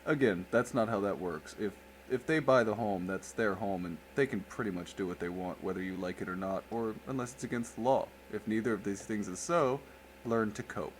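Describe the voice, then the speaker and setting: A man's voice: fairly low pitch, brisk, slight background noise. A man giving sarcastic, insulting reaction commentary on a video.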